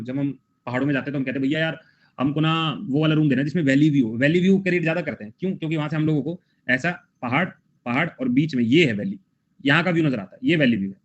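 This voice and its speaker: A man's voice: fairly high pitch, fairly bright tone. A young man teaching a live online class in a casual, chatty way, joking with students between quiz questions. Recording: dull lo-fi sound.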